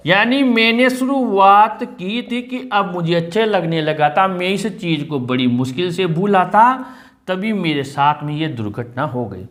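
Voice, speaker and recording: A man teaching a class, speaking with an Indian accent. He reads English lines slowly, then explains each word patiently and often repeats it. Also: fairly high pitch. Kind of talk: line-by-line textbook explanation.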